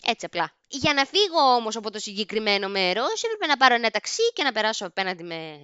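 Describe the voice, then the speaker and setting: Animated young woman telling funny stories. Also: a little high, smooth, dry recording. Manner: animated, self-mocking, dramatic. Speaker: podcast host. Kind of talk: comedic personal storytelling. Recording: dull lo-fi recording.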